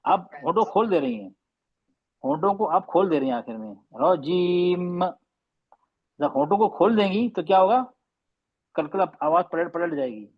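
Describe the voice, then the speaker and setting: A man teaches Quran recitation over a call, stretching sounds slowly as he corrects students. His voice sits slightly high. The audio is dull and lo-fi. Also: animated, husky. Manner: patient, slow demonstrating drills. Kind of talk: online tajweed class correction.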